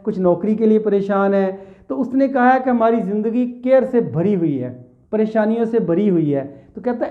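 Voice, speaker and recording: A man teaching an English poem, mixing Urdu and English and reading the verse lines slowly. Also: high voice. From Pakistan. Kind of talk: poetry lecture. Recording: tinny phone-like audio.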